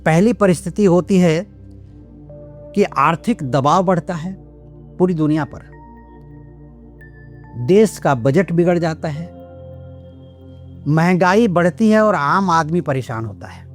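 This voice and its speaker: A man's voice: a little high, darkish tone. An older man, an astrologer, explaining in a lecturing way and listing his points one by one. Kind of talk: explanatory astrology talk to camera.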